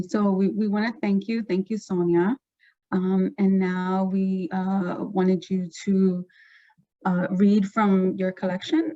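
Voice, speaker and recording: A woman hosting an interview, talking slowly and a bit hesitantly. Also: medium pitch, muffled recording. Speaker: host.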